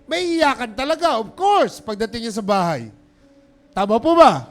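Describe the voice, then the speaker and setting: A man's voice: very high-pitched, sing-song, normal speed. A pastor preaching a sermon, calling out to the congregation and mixing English phrases into his talk. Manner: preaching with call-and-response, urging applause.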